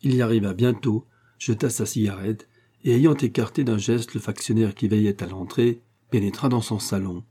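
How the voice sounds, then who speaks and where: Guy reading an audiobook, steady, husky dark voice. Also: fairly low pitch. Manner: measured, steady storytelling. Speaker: narrator.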